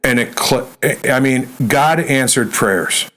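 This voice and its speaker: A middle-aged man, speaking at a medium pitch. He tells a personal testimony in a relaxed, conversational storyteller's way. He acts out the dialogue and keeps checking in with "right?". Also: takes it slowly, low-quality recording. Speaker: podcast guest. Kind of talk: personal testimony in a sit-down interview.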